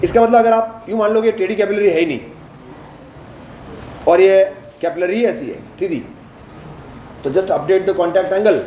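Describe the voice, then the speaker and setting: A man's voice: high-pitched, warm tone, roomy sound, slight background noise, poor audio. A male physics teacher lecturing at a board, asking the class questions as he works through each step and mixing Hindi with English terms.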